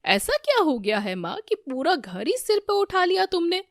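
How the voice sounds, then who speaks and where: Woman playing a loud scolding young husband. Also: very high voice, sing-song, moderate pace, dry recording, studio quality, pitched above the performer's own voice, full character voice. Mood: alarmed. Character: angry young husband, office worker.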